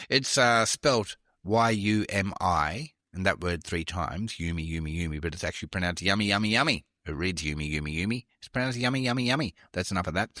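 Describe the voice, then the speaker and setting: A man's voice: lowish voice, sharp tone, dry recording, studio quality. A man hosting a trivia podcast, reading questions with chatty, self-deprecating asides. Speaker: quiz podcast host.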